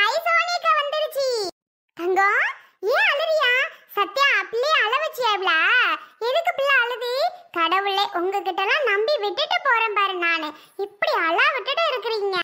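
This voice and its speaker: A woman voicing Soni, a doting young mother in a cartoon, who fusses and exclaims in a shrill voice. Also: animated, normal speed, sharp tone, exaggerated voice. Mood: fussing. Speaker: cartoon character. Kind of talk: cartoon voice acting.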